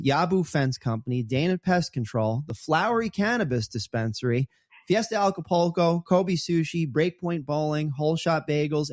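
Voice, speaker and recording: A man's voice: fairly high pitch, darkish tone, no room sound, studio quality. A man presenting a local news show, reading the weather and sponsors in a casual, upbeat way with some fillers.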